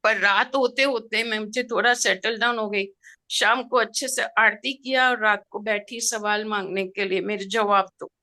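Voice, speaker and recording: Bright-voiced middle-aged woman telling a heartfelt story. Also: fairly high pitch, normal speed. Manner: expressive, heartfelt, mixes in English words. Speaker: participant sharing a personal experience. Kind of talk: emotional personal storytelling.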